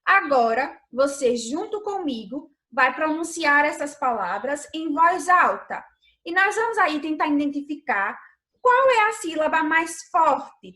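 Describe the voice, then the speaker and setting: A Brazilian woman with a Brazilian Portuguese accent, a primary school teacher giving a recorded remote lesson, patient, stretching key words slowly and asking her pupils questions. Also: sits high, sharp tone.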